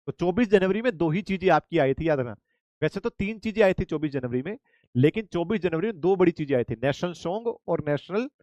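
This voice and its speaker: A man runs a live online lesson, repeating each fact and quizzing his students over and over, with English terms mixed into his speech. His voice sits a little high. The sound is close and dry. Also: dry recording, muffled recording. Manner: lively, repetitive drilling with questions to students; mixes Hindi with English terms. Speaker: online exam-prep teacher.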